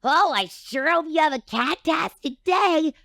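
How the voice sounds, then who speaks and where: A woman's voice: high voice, expressive, measured pace, vocal fry, a bit bright, no room sound, clean studio sound, pitched above the performer's own voice, full character voice. A woman voicing a cute, peppy little cartoon cat that sounds like a small child, part boy, part girl. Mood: cheerful, sweet. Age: child-like figure. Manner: perky, sweet greeting. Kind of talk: children's animation voice.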